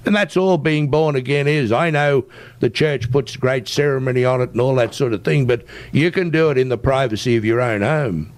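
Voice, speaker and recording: A man's voice: medium pitch, moderate pace. A man with an Australian accent speaking as an interview guest, explaining and persuading in an emphatic, insistent way and often checking with "right?". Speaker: interview guest, tech entrepreneur.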